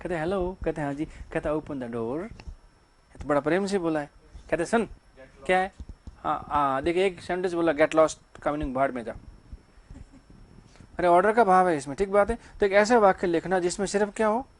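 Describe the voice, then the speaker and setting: A man's voice: high voice, fairly quick, long pauses, slight background noise. A man teaching English grammar to a class. He keeps asking the students questions and then answers them himself.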